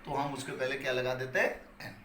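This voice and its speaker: Here the man has a mid-range, steady, fairly bright voice and talks a little fast. In a classroom lecture on English grammar delivered in Hindi with Hindi-accented English terms, he explains patiently, repeats key points, and asks questions he answers himself; faint ambient noise and echo fill the room.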